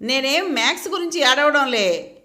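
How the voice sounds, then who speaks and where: A woman's voice: fairly high pitch, animated, moderate pace, pushed and bright. A woman voicing a young grandson who talks in a childlike, pleading way. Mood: tearful. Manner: childlike, pleading, sobbing speech. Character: little boy, grandson, upset and tearful.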